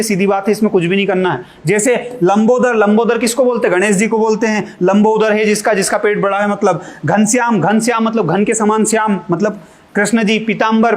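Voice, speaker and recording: A high-voiced man gives an exam-prep grammar lesson. He poses quick questions to the class and answers them himself, slipping in jokes. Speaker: Hindi grammar teacher.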